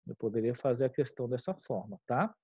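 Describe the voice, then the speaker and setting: A man's voice: mid-range voice, animated, a little fast, mellow, breathy edge, no room sound. Brazilian man explaining grammar. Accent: Brazilian Portuguese. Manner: explanatory, checks in with "tá?" and "tudo bem?". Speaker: teacher. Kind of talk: grammar lesson walkthrough. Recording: dull lo-fi recording.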